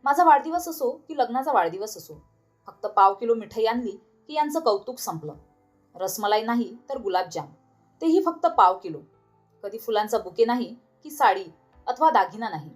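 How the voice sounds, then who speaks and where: A woman's voice: on the high side, animated, normal speed, soft background music. A woman doing a complaining, dramatic wife. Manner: scolding, sarcastic complaints. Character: middle-aged wife, complaining, dramatic, sharp-tongued.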